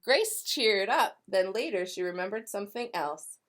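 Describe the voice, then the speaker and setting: A woman with a medium-pitched voice speaks as an elementary school educator addressing children and families. She reads and announces in an expressive, clearly paced storytelling style. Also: moderate pace. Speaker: elementary school educator reading aloud to pupils. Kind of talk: announcements and children's picture book read aloud.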